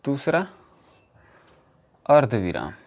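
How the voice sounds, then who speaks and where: A man teaches an exam-prep grammar lesson in a voice of ordinary pitch. He talks slowly and patiently, repeating each key term several times and explaining step by step. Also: sing-song, a little mellow. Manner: slow, repetitive, explaining step by step.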